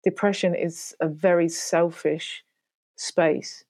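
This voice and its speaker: A woman's voice: lowish voice, fairly even intonation, slow pace, a little mellow, no room sound. A woman guest in her forties talking candidly and reflectively, peppered with "you know", about her work and loneliness. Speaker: guest, singer and podcaster. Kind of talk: candid interview talk.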